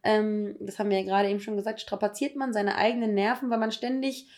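A woman's voice: mid-range voice, level tone, quick pace, darkish tone. A young adult woman co-hosting a podcast, talking in a blunt, slangy, emphatic way. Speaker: podcast co-host. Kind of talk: casual chat.

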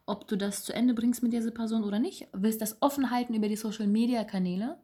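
A woman's voice: a little high, fairly even intonation, fast talker, mellow. Laid-back young woman podcast host. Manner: casual and laughing, explains terms plainly. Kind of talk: casual chat.

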